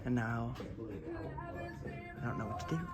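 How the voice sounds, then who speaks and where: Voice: medium pitch, moderate pace, over loud music. A person in their twenties, a college student vlogging casually while walking around outdoors, rambling and laughing often. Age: 20s. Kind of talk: casual vlog chat.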